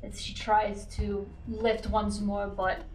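A woman's voice: mid-range voice, monotone, slow, a little mellow, a little hiss or hum. A woman narrating a tabletop game as game master, describing the scene in vivid detail. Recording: roomy echo.

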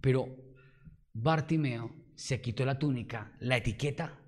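A man preaching a sermon, talking straight to the congregation with rhetorical questions and swinging between loud exclamations and low murmurs. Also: a little slow.

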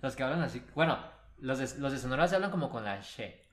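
A man with a Mexican accent talks quickly in a mid-range voice. He chats casually on a podcast, slangy and teasing, always asking questions. The room adds a clear echo. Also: mid-range voice, animated, a bit bright. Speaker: podcast co-host. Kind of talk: casual chat. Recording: roomy echo.

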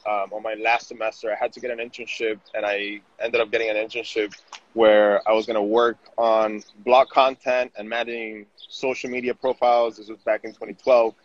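A man's voice: on the low side, little pitch movement, brisk. A man from Venezuela, a marketing director, talking casually in an interview and often restarting his words. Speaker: guest, digital marketing director. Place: outdoors on a city street. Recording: dull audio with faint noise.

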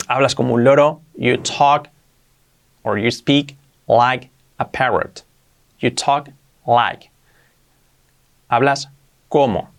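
A medium-pitched man with a Castilian Spanish accent teaches English grammar in Spanish, slowly repeating every English example and frequently checking understanding with a quick question.

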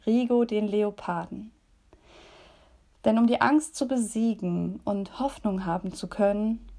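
Slow, gravelly woman leading a devotion. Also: mid-range voice. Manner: gentle, soft, at times whispered. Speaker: devotion leader and storyteller. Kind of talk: calm devotion with story reading.

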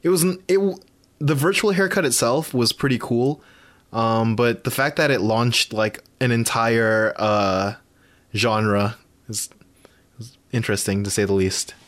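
A man's voice: medium pitch, fairly even intonation, measured pace, a bit bright. Young guy chatting on a podcast, rambles a lot, laughs a bunch, normal mid voice. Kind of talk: casual chat.

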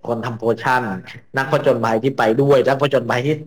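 A chatty man hosts a casual anime talk show, rambling from point to point with a joking edge. His voice sits at an ordinary, middle pitch. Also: steady tone, brisk. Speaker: podcast host. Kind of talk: casual chat.

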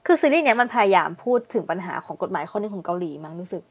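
A woman's voice: mid-range voice, sing-song, rapid-fire, a crowd in the background. A woman co-hosting a casual podcast chat, reflecting and thinking aloud with frequent fillers. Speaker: podcast co-host.

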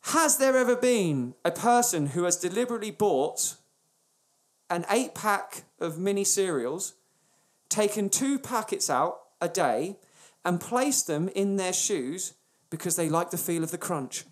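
A man's voice: high-pitched, animated, unhurried. A man with a British accent in casual comic banter as a podcast co-host, sweary and mock-indignant.

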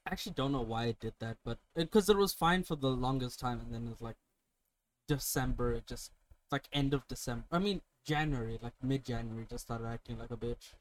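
A man's voice: medium pitch, brisk, low-quality recording. A man hosting a podcast, chatting casually and telling stories with plenty of swearing. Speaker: podcast host. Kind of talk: casual chat.

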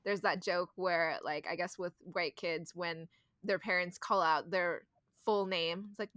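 Woman, casual chat, curious questioner, bright tone, dry sound. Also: fairly low pitch, steady tone, no echo. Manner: chatty, curious, quick to ask questions.

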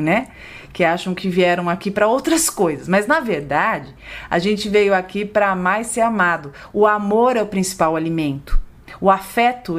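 A woman psychologist co-hosting a podcast, explaining gently and calmly, rising high and sweet when she voices a parent talking to a child. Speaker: psychologist co-host.

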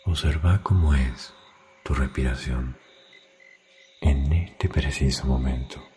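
Very deep, slow man guiding sleep meditation. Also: faint music behind. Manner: soft, slow, soothing. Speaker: meditation guide.

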